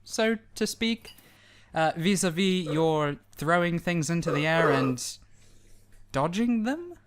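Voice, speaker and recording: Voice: mid-range voice, animated, slow pace. Player doing a big friendly giant guy, eight foot tall, rambly and earnest, voice all over the place. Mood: rambling. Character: huge friendly eight-foot male adventurer.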